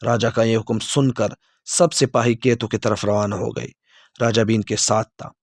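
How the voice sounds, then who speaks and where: A man narrating a storybook tale in a steady, clear reading voice. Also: lowish voice, no echo, studio quality.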